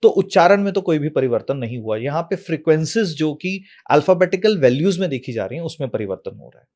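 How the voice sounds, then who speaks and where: A man, an astrology expert, explaining at length in an interview, calmly and like a teacher, asking questions and then answering them himself. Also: a little high, fast. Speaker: astrology and numerology guest expert.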